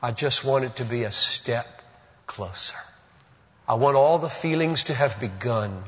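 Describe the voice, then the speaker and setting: Older male preacher, earnest and deliberate, bright voice, slow measured sermon pace, heard in a reverberant hall. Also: mid-range voice. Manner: earnest, swings from loud exhortation to hushed reflection; slow, deliberate repetition of phrases. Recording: long reverb, dull lo-fi sound.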